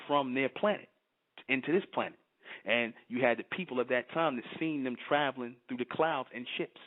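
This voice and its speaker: A man giving an impassioned spiritual monologue, working himself up and repeating "you understand?". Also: medium pitch. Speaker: channel host giving a spiritual talk. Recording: tinny phone-like audio.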